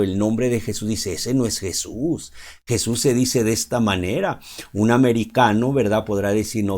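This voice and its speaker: A man's voice: medium pitch, warm tone. A man giving an unscripted sermon, talking in a loose, conversational way and often checking in with his listeners. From Mexico. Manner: conversational, keeps asking "¿verdad?" and pausing with "este". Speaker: preacher.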